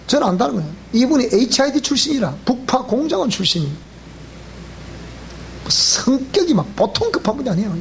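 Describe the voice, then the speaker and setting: Animated Gyeongsang-accented male pastor. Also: very high-pitched, brisk, gravelly, a little hiss or hum. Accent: Gyeongsang Korean. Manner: animated, acts out dialogue, laughs often. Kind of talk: storytelling sermon. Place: church sanctuary.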